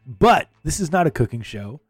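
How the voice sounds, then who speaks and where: A man's voice: a little high, very animated, moderate pace, husky, no room sound, studio quality, soft background music. A man hosting a video game podcast in an upbeat, emphatic and playful announcer style. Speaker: podcast host.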